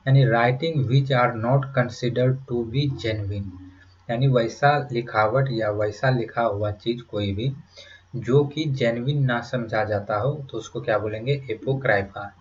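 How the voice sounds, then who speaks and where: Slow, patient male vocabulary teacher. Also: mid-range voice, darkish tone, lo-fi sound. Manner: patient, repeats each meaning and asks rhetorical questions. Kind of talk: slow explanatory lesson in mixed Hindi and English.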